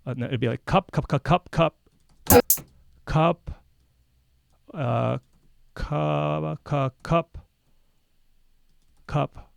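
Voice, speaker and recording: A man's voice: a little high, drawn-out words, creaky, long pauses. A male music teacher vocally mimicking a chopped stutter edit, repeating clipped syllables while demonstrating. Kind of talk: classroom instruction.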